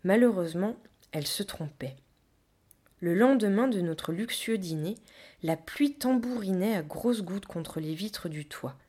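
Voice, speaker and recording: A woman reading a children's novel aloud in a calm, measured way, sometimes dropping to a hush. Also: medium pitch, breathy edge. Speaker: narrator. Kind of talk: scripted storybook narration.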